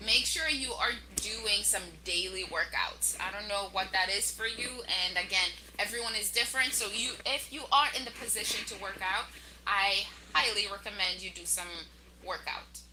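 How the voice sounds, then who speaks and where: A young adult woman hosting a podcast, telling her own story and giving advice in a chatty, animated way that speaks straight to listeners. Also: mid-range voice, a little hiss or hum, rough recording. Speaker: podcast host.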